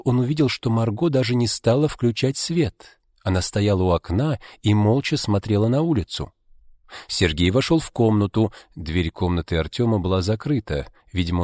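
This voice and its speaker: A low-voiced man narrating an audiobook in a measured, deliberate style. The sound is dry and close, with no room echo. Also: a little mellow.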